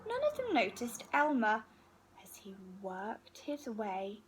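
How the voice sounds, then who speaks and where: Reading a picture book aloud to young children, a woman with a voice on the high side takes an expressive, unhurried approach and pauses between phrases. There's a little hiss or hum on the recording.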